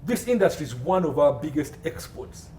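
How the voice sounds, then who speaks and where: In this interview, an entertainment law consultant with a Ugandan accent offers commentary in a fairly high, sing-song voice with a dark tone and moderate pace. He stresses points by repeating phrases, recorded on a distant mic with faint noise behind.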